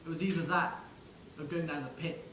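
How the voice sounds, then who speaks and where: Man voicing a young soldier's ghost, wry, chatty, a bit high, echoey room, noisy background. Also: fairly even intonation, fairly quick, fairly bright tone, close to an everyday voice. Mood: wistful. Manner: wry, conversational, addresses the listener directly. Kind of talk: theatrical monologue.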